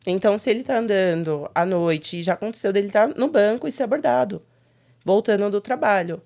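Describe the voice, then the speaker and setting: A young adult woman, a guest in a casual interview, telling stories with lively quoted asides. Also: mid-range voice, gravelly. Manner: animated storytelling with quick quoted asides.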